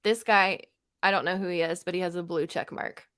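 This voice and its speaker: A woman's voice: lowish voice, steady tone, a little fast, fairly bright tone, dry recording, studio quality. A woman co-hosting a podcast, chatting casually and reading hostile comments aloud in mocking voices. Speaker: podcast co-host.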